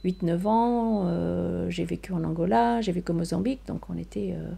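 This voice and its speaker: A woman's voice: fairly low pitch, moderate pace, gravelly, mellow, slightly rough. An older woman, a scientist answering interview questions, hesitant with many fillers and restarts. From Portugal. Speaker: research scientist guest.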